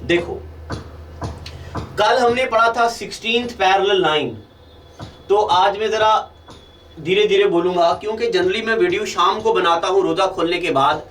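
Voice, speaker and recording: A man teaching an online exam-prep lecture, who quizzes his students and has them repeat answers, with low energy from fasting. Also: a bit bright, roomy sound, far from the mic. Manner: addresses students as children, asks and repeats answers.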